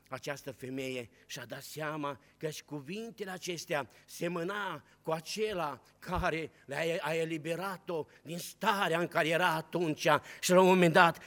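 A man preaching a fervent sermon, swinging between loud declarations and hushed storytelling. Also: fairly high pitch. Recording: long hall reverb.

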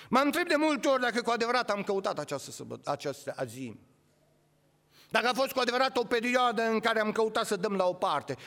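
A man preaching an Easter sermon, repeating his phrases and swinging from loud calls to low, quiet asides. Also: vocal fry, in a large hall.

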